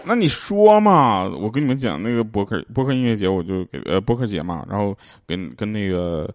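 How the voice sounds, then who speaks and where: A man's voice: fairly low pitch, big pitch swings, a little fast, a little hiss or hum. A man with a Northeastern Chinese accent hosting a podcast, telling casual, comedic stories to listeners in a jokey way with laughter in his talk. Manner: jokey, often laughing as he talks. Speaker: podcast host.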